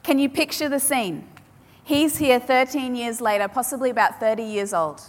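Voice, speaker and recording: A woman whose first language is Polish preaches a sermon to an audience in a large hall, her slightly high voice keeping a fairly even intonation. She is emphatic, repeating key phrases with dramatic pauses, and the recording carries long hall reverb.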